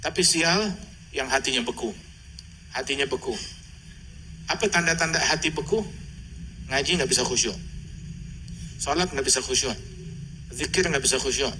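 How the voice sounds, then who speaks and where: A man's voice: mid-range voice, normal speed, long pauses, noisy background. A male preacher giving a religious lecture in a conversational, teasing way, full of rhetorical questions.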